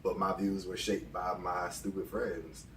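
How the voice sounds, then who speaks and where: A low-voiced American man in his late twenties, a guest on an interview, shares personal stories in a casual, candid, colloquial way, his delivery flat and measured. The mic is distant in an echoey room, with background noise.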